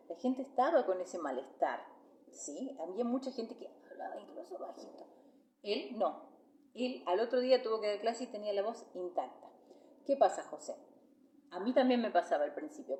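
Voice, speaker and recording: A woman's voice: mid-range voice, dark tone, roomy sound, a little hiss or hum. Chatty Rioplatense woman teaching singing. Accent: Rioplatense Spanish. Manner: chatty, explanatory, frequent checking "¿sí?". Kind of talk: live-streamed masterclass.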